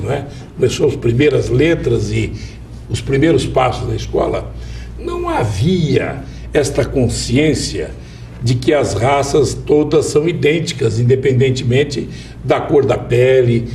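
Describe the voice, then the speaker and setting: A man hosting a formal local TV interview, introducing his guest in a measured, announcer-like way. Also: medium pitch, warm tone, recorded from a distance, a little hiss or hum. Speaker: interview host.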